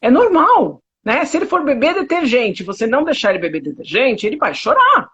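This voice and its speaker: Brazilian woman psychotherapist, husky and high-ish voice, emphatic and indignant, lo-fi audio. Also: wildly swooping pitch, fairly quick, a bit bright. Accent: Brazilian Portuguese. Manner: emphatic, indignant, rhetorical questions. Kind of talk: conversational interview. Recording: dull lo-fi audio.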